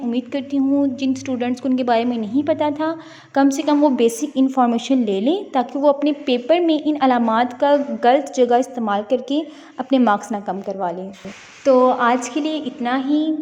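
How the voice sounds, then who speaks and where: A woman's voice: high voice, a little mellow, long reverb tail, dull audio. A young woman who hosts a channel, explaining a writing lesson step by step with examples. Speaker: teacher and channel host.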